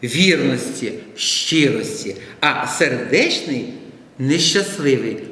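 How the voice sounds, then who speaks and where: A man giving an educational lecture, deliberately stressing and defining word pairs one by one with a Ukrainian accent. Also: mid-range voice, lively intonation, sharp tone. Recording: echoey room with long reverb.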